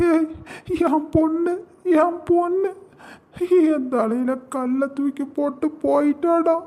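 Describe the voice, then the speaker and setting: A performer voicing a grieving middle-aged father in a cartoon drama who laments in a sobbing voice. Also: a little mellow. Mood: anguished. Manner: sobbing, lamenting, creaky high voice.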